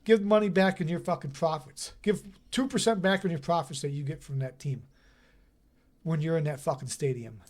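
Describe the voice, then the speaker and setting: Podcast dude going off, pretty high voice, cusses a lot. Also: male voice, normal speed, darkish tone. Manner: heated, swears often. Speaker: podcast co-host. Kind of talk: casual profane rant.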